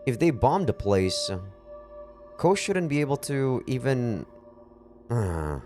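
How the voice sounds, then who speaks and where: A man's voice: medium pitch, very animated, slow, darkish tone, soft background music. A man streaming a visual novel, reading the narration aloud steadily and breaking off into casual reactions and swearing. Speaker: game streamer.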